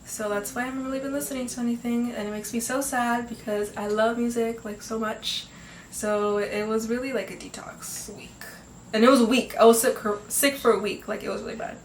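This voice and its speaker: This teenage girl hosts her own podcast, talking casually and upbeat with many fillers and laughs, a bit nasal from congestion. Her voice is fairly high and fairly quick, with fairly even intonation. The recording has an echoey home room sound, faint ambience, and a little hiss or hum.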